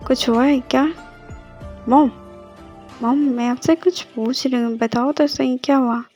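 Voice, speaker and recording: A woman's voice: high-pitched, fairly even intonation, a little slow, dark tone, lo-fi sound, faint music behind. A woman voicing a young college-going daughter who soothingly reassures her mother, in an amateur voice drama. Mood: reassuring. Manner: soothing, insistent.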